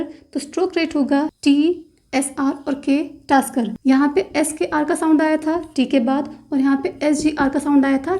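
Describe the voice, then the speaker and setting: High-voiced woman teaching shorthand. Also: mellow. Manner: slow, deliberate spelling out of example words. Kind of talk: explaining lesson.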